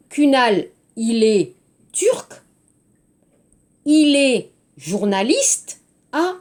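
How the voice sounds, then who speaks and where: A woman teaching to Korean learners, slow and clear, often checking in with "hein" and "d'accord". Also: a little high. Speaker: French teacher. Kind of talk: language lesson for Korean learners.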